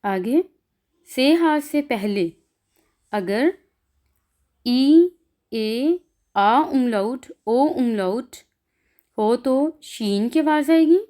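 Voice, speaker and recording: Pakistani-accented woman teacher, talks really slow, kinda high voice, goes through sounds one at a time. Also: darkish tone. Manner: reads example sounds one by one, explaining in between. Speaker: language teacher. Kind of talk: slow pronunciation lesson.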